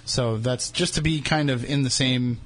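A New England man with a Boston accent hosts a radio talk show, bantering casually with jokes and self-deprecating humor. His voice is mid-range and moves at a normal speed.

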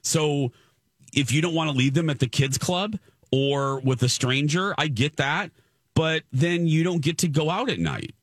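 A man co-hosting a radio call-in show, giving firm opinions in a casual, animated way. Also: a little high, measured pace, no room sound, studio quality. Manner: animated, opinionated, many restarts. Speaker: radio co-host.

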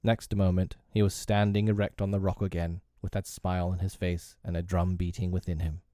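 A man narrating a storybook in a gentle, measured reading. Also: sits low, flat delivery, no room sound, clean studio sound.

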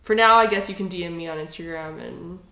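A woman's voice: on the low side, fast, pushed and bright. A woman hosting a podcast in casual chat, talking freely and laughing often. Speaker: podcast host. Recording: roomy echoey room.

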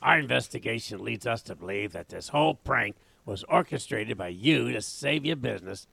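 An actor playing a dogged police detective who interrogates a suspect in an audio drama. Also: male voice, mid-range voice, expressive, moderate pace, vocal fry, sharp tone, husky, no echo, exaggerated voice. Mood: interrogating. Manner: confrontational, interrogating.

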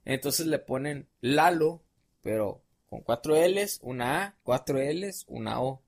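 A man's voice: mid-range voice, expressive, slow pace. Slangy young Mexican man rambling. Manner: rambling, slangy, many fillers. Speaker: podcast guest. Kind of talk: casual storytelling chat.

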